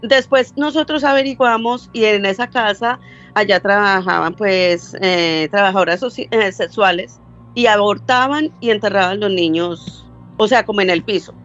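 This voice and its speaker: A woman's voice: medium pitch, normal speed, a bit bright, muffled recording, faint music behind. Older Colombian woman from Medellín telling a story. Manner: rambling, self-correcting, acts out quoted dialogue. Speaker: caller sharing a story. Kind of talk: casual storytelling.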